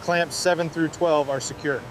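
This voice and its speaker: A man's voice: on the high side, steady tone, moderate pace, background noise. A man working as an industrial technician, giving procedural status reports.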